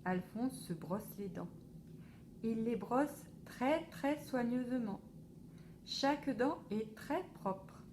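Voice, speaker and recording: Slow, expressive woman reading storybook. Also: fairly high pitch, slight background noise. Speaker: library storyteller. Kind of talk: children's book read aloud.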